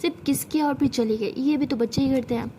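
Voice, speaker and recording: A woman's voice: high voice, fast, warm tone, slight background noise, natural voice. A woman voicing a confident young woman who playfully mocks and teases her partner. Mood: teasing. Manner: playful, mocking, teasing.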